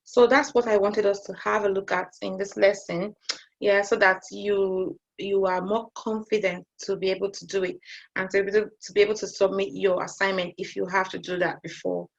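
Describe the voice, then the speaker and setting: Unhurried woman teacher with a creaky voice who keeps asking "okay?", teaching maths online over muffled audio. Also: medium pitch, flat delivery. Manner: hesitant, checks in with "okay?" often.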